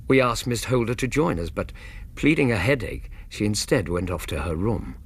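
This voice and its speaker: A male actor playing a genial Victorian doctor, narrating wryly with a husky British voice in a radio drama. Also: lowish voice, expressive. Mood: wry, reflective. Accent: British English. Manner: measured, wry storytelling. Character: genial, wry Victorian gentleman doctor recounting cases.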